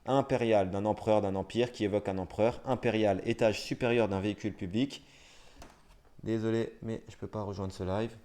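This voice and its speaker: The young livestreamer reading dictionary definitions out loud has a lowish, warm voice with fairly even intonation. He keeps a quick pace and pauses for wry jokes mocking himself.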